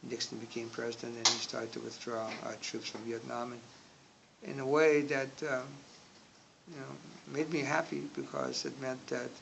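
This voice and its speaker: A man in his sixties from Indonesia, speaking slowly in an oral history interview, with frequent pauses and filler words. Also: mid-range voice, little pitch movement, vocal fry. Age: 60s. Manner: slow, hesitant, many filler words. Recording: audible background noise.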